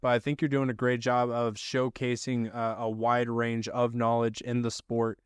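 A man's voice: medium pitch, level tone, moderate pace, clean tone, no echo. A young man hosting a casual video-call podcast interview, asking loose, filler-heavy questions from his home studio. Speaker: podcast host. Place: home studio room with desk. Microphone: studio mic on boom arm.

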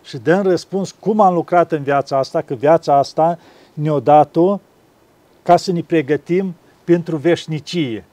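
A man, an abbot, talking gently about faith and acting out little dialogues as he tells stories. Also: on the high side, dry recording. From Romania. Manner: gentle storytelling, acts out dialogues. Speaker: monk and abbot. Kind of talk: spiritual conversation.

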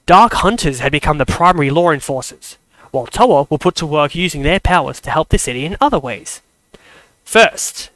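A man narrates a fan-made story in a steady, measured reading voice. His pitch sits slightly high. The recording is close and dry. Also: dry recording, low-quality recording.

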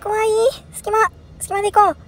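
A woman's voice: extremely high pitch, level tone, moderate pace. A woman streaming a first play of a horror puzzle game, thinking aloud and crying out in alarm with repeated exclamations.

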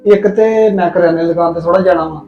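A man's voice: high-pitched, fairly even intonation, fast talker, mellow, echoey room, muffled recording, soft background music, natural voice. A man playing an easygoing husband who chats casually with his wife before a trip to town. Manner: casual and friendly.

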